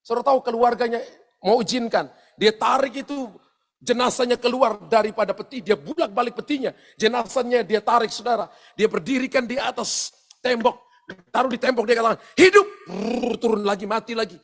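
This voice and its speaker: A man, a pastor, preaching a sermon to a church congregation, telling stories vividly, calling out to the listeners and breaking into loud exclamations. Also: very high-pitched, brisk. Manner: animated storytelling with loud exclamations; addresses the congregation directly and often. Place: church service.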